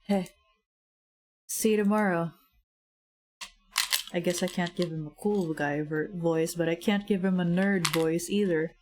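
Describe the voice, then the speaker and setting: A woman streaming a video game, chatting casually in rambling asides with sudden high squeaks of surprise, on a desk microphone at home. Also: fairly even intonation, moderate pace, few pauses, background noise. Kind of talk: casual game commentary while reading dialogue aloud.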